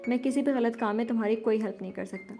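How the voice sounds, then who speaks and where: A stern, protective young man in an audio novel, read by a woman in her own slightly high voice. He talks with quiet firmness that hardens into cold threat. Soft background music plays under a mellow, warm delivery. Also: creaky. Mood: gentle firm. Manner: gentle, turning cold and threatening.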